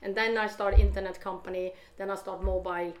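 A woman's voice: medium pitch, flat delivery, a little fast. A Swedish woman in her fifties with a Swedish accent, speaking English as a guest investor, hesitant with many fillers. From northern Sweden. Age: 50s. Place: studio.

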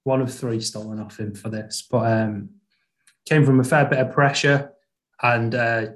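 Male host, average pitch, informal football chat with co-presenters. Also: fairly even intonation, a little slow. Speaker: podcast host.

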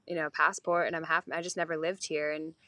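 A woman's voice: sits low, level tone, quick pace, pushed and bright, no echo. A young woman from Europe, raised in Paris, answering candidly and at length as a guest musician in a casual interview. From Europe, born in Italy, raised mostly in Paris. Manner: chatty, candid, long-winded answers.

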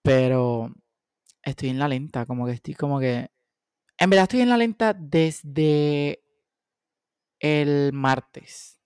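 A man's voice: on the high side, lively intonation, slow, long pauses, darkish tone, smooth, no room sound, studio quality. A man in his twenties with a Puerto Rican accent co-hosts a podcast in casual Spanglish, constantly switching between Spanish and English. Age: 20s. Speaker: podcast co-host. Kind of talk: casual chat.

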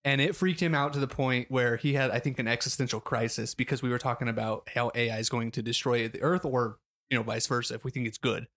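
Man, co-host who keeps the conversation moving, mid-pitched, relaxed and loose. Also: fast talker, hardly any pauses. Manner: leads the talk, relaxed, swears casually. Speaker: podcast co-host. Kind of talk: casual chat among friends.

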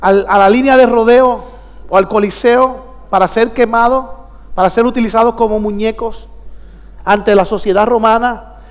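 A man's voice: very high-pitched, fairly even intonation, moderate pace, big-room sound. A male pastor preaching emphatically, firing questions at his congregation for them to answer. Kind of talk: preached sermon.

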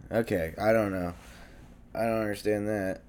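The host, a young man who's sick and congested, keeps a steady tone at a moderate pace. His voice is deep, hoarse, and darkish, and slight background noise sits under his casual, rambling monologue, full of fillers and curses, recorded on a desk mic near a computer at home.

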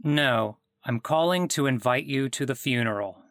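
A man's voice: medium pitch, normal speed, fairly bright tone, no room sound, studio quality, lightly acted. An actor playing an exasperated man whose clone died, sarcastic and indignant in a comedic audio drama.

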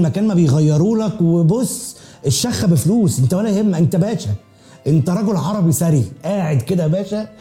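A young man with an Egyptian accent races through a comic podcast monologue, his voice dark and mellow yet pitched a little high. He tells it in animated, slangy bursts, with faint music under him. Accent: Egyptian Arabic. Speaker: podcast host.

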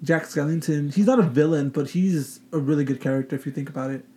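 A man's voice: on the high side, fast, darkish tone. A man chatting casually as a podcast co-host, with a nasal voice from a broken nose.

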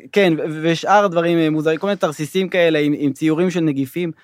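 Sex: man. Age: middle-aged. Role: interview guest. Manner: hesitant, frequent fillers. Pitch: a bit high. Sound: dry studio mic. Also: no room sound. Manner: hesitant, many fillers and restarts. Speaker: guest, government finance official. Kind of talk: casual storytelling interview. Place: podcast studio.

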